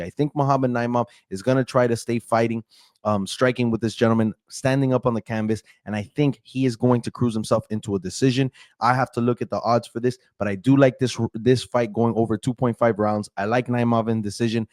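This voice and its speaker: A man's voice: medium pitch, no echo. Young guy talking fight picks to his viewers, chatty, trips over names, dry close mic, mid voice. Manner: chatty, animated, addresses viewers as guys; restarts and stumbles over names. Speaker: MMA fight predictions host. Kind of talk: casual fight-picks talk.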